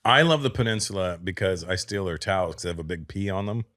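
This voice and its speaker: Lively fast-talking Canadian man. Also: sits low. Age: 50s. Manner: animated, quick storytelling with imitated voices. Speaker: podcast host. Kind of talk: casual storytelling chat.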